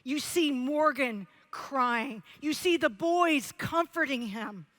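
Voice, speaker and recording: A woman giving a stage speech, telling a story slowly, with dramatic pauses. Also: sits high, fairly bright tone, no echo. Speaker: keynote speaker.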